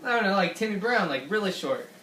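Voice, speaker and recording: High bright-voiced man anchoring a mock newscast. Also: lively intonation, fast. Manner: casual, laughing while reading. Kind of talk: school-project mock newscast. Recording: echoey room, far from mic, background noise.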